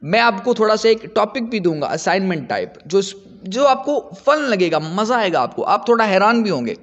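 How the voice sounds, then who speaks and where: A man's voice: high-pitched, sing-song, moderate pace, fairly bright tone, big-room sound, dull audio. A man giving an explanatory lecture as a teacher, repeating points for his students.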